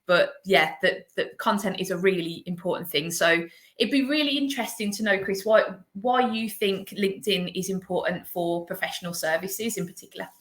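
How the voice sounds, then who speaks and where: A woman with a Birmingham accent, an agency director, hosts a live video interview over a video call, chatty, laughing easily and using lots of fillers. Her medium-pitched voice is fairly quick and fairly bright, and it sounds reverberant.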